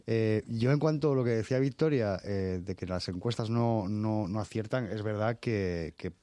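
A man's voice: on the low side, moderate pace, warm tone, dry recording. A man joining a political panel as a journalist, thoughtful and hesitant, often restarting his sentences. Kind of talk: panel discussion.

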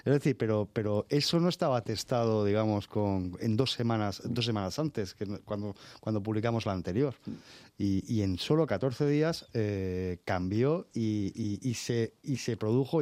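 Man, panel journalist, mellow dark voice, dry, hesitant. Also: on the low side, moderate pace, no echo. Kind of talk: panel discussion.

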